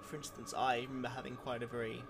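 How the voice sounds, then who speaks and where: A young man hosting a conversational podcast interview, speaking in an earnest, wordy and halting way. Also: medium pitch, level tone. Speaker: podcast host and animator. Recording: clearly noisy background.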